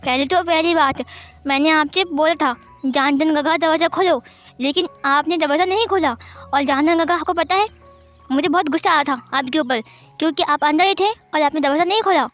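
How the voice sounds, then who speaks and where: Lady doing a whiny lil boy, high and pleading, quiet music behind. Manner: whining, drawn-out pleading. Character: whiny little boy, clingy and tearful. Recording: faint background music.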